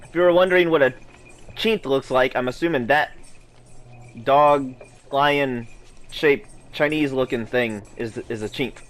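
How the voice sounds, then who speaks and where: A man's voice: medium pitch, a little slow. Man reading game text in a let's play. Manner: reads narration with restarts and side remarks. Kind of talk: reading game text aloud while playing.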